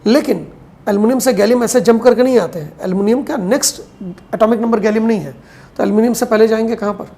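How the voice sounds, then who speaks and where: A woman's voice: fairly high pitch, mellow. Woman lecturing chemistry, dictating notes. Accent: Hindi-English mix. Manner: explanatory, poses questions and answers them, slows to dictate notes. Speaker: chemistry teacher. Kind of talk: classroom lecture.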